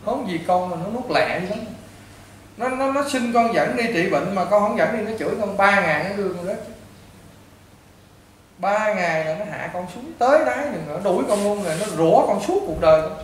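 At normal speed and with an expressive delivery, a high-pitched Southern Vietnamese-accented male priest lectures a patient bluntly and repetitively during informal counseling, addressing them like a child. He's distant from the mic, and the strongly echoey room has clear background noise.

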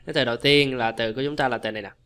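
A man teaching English pronunciation in a chatty, repetitive way, slowing down to model English words. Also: medium pitch, bright, forceful tone, clean tone. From Vietnam. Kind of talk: casual explanatory lesson.

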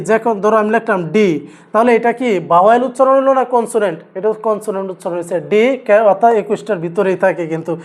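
A man teaching an English grammar lesson, asking students repeated rhetorical questions as he drills each rule. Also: very high-pitched. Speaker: English tutor.

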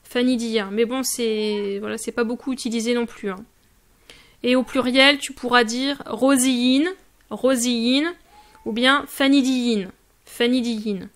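Woman teacher, high voice, unhurried, drills each word three times. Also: steady tone. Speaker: language teacher. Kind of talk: vocabulary lesson.

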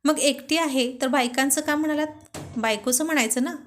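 A sulky young wife who pouts and digs in her heels, voiced by a woman. The voice is fairly high and childlike in its stubbornness. It is a storybook character. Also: normal speed, fairly bright tone. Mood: pouting. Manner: pouting, stubborn.

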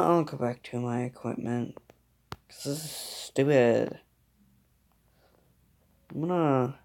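Gamer guy, slow unhurried delivery, sarcastic muttered commentary. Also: mid-range voice. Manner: grumbling, sarcastic self-talk. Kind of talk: casual gameplay commentary.

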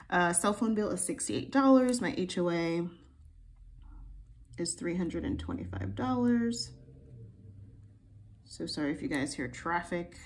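A woman hosts a casual budgeting vlog from her home filming room, where her desk is seen from above. She sounds groggy in the morning, and her lowish voice has a breathy edge as she chats playfully with slang.

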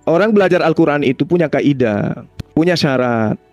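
A man's voice: fairly high pitch, animated, normal speed, a little mellow, dry recording, soft background music. A man arguing in a heated religious debate, firing back pointed questions. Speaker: debate participant.

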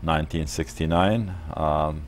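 Very deep-voiced man in his sixties. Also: steady tone, a little hiss or hum. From Palestine. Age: 60s. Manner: measured, many hesitations. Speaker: guest. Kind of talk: interview. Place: TV studio.

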